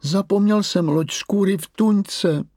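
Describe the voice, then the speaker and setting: A man's voice: sits high, a little mellow, no room sound, clean studio sound, voice pushed up. A man voicing a small, curious young troll boy in a storybook reading, asking timid questions.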